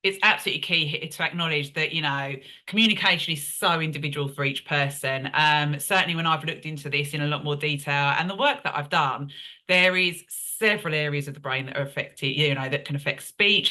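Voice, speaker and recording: Low-pitched, bright-toned woman host. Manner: enthusiastic, affirming interviewer. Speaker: podcast host. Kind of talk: conversational interview.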